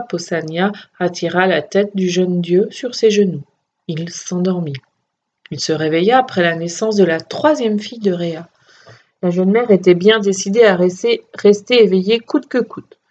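A woman narrating a children's myth story in a steady, expressive reading voice. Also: lowish voice, slightly rough, highs cut off.

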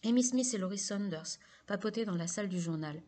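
A woman narrating a novel in a steady, measured reading voice. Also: medium pitch. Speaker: audiobook narrator.

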